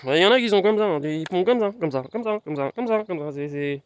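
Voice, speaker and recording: A man's voice: high voice, lively intonation, fast, slight background noise. A young man vlogging outdoors in his garden, rambling playfully and talking straight to the viewer. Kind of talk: casual outdoor vlog chat.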